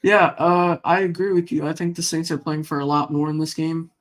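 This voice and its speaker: A man hosting a casual sports podcast, talking fast and rambling with lots of fillers. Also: fairly high pitch, level tone. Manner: quick, rambling, with many fillers. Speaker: podcast host.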